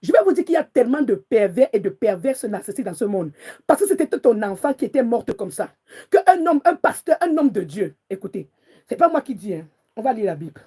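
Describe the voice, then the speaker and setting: A woman's voice: medium pitch, very animated, quick pace, dark tone, slightly rough. A woman prophetess preaching with passion and anger, crying out to God in prayer and repeating her words again and again. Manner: angry, repetitive, calls out to God.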